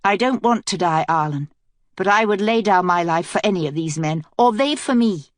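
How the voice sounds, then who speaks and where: A resolute young queen speaks firmly and earnestly, as a woman voices her. Her voice is low for a woman and dry and close in an audiobook. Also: lively intonation, normal speed, no room sound, natural voice. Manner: firm, earnest.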